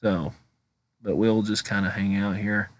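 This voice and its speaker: Low-voiced man, rambling casual vlog commentary. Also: steady tone, no room sound. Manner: rambling, halting, thinking aloud. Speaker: paranormal investigation vlogger. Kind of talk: casual director's cut commentary over own footage.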